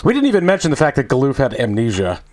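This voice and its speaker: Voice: mid-range voice, sing-song, fast, a little mellow, a little hiss or hum. A co-host in a casual chat about a video game who makes dry, joking asides. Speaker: podcast co-host.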